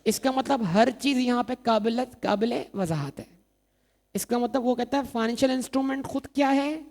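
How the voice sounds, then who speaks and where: Male exam-prep lecturer, dark and gravelly tone, repeats key terms as he drills students. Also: very high voice, normal speed. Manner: asks rhetorical questions and answers them himself, repeats key terms. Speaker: accounting lecturer.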